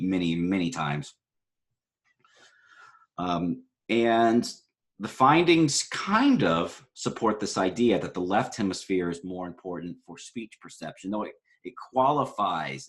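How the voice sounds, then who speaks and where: A man lecturing on psychology research, explaining graphs in a conversational way with frequent fillers and self-corrections. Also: deep voice. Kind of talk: recorded lecture walking through graphs.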